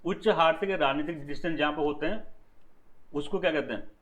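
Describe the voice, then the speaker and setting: Fairly high-voiced man teaching economics. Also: a little fast, fairly bright tone, poor audio. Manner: asks the class questions and answers them himself; mixes English terms into Hindi, repeats key words. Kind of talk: lecture.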